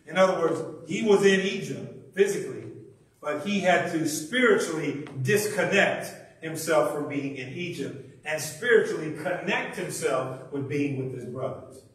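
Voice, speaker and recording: A man preaching a sermon as minister, telling the story in a folksy, animated way with frequent restarts and repeated words, recorded in a church sanctuary. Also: fairly high pitch, moderate pace. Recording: very echoey hall, distant mic.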